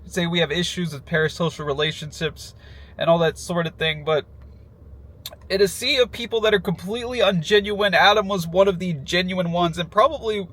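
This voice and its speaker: A man speaking casually and emotionally in a heartfelt personal tribute, halting as he goes, sad in his farewell. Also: high voice, a bit bright. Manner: emotional, halting, with nervous little laughs breaking into phrases.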